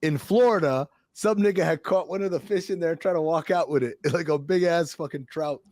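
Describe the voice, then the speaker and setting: A man's voice: a little high, a little fast, a little mellow, no echo, studio quality. A man co-hosting a podcast, casually telling a crude news story with frequent laughter. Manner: loose storytelling, laughs often, profane. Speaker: podcast co-host. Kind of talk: casual chat.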